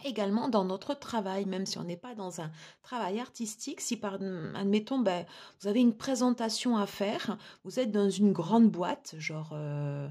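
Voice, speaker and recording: Husky woman reviewing a tarot deck. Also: mid-range voice, normal speed, mellow. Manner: chatty, many fillers and restarts.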